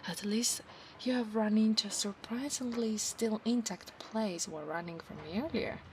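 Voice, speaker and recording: Speaking directly to the listener at a normal speed, an Italian woman with an Italian accent voices a proud, battle-hungry centaur knight. Her middle-pitched voice is soft, formal, close to everyday, and calm yet proud, with breathy ASMR whispers. Noticeable ambient noise runs behind her.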